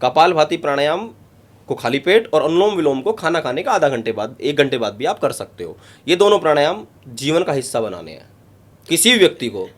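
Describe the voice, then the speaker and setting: A man's voice: on the high side, very animated, a little fast. A man, a yoga guru, explaining breathing exercises step by step in an interview, emphatic and repetitive. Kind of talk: instructive interview talk.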